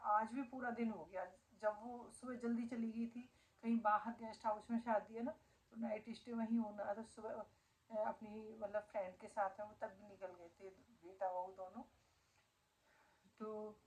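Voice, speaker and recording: A woman's voice: fairly high pitch, a little mellow, low-quality recording. Emotional middle-aged woman, home vlog. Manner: emotional, talking to a pet dog in a doting voice. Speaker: family vlogger. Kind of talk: casual home vlog talking to viewers. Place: at home indoors.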